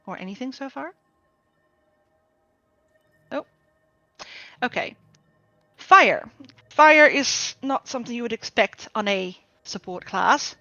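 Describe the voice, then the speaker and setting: A woman guild trainer explaining a game build over group voice chat, steady and explanatory with frequent ums. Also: on the high side, slow pace, pauses often, no room sound, soft background music. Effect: group voice chat audio. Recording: dull lo-fi voice chat mic.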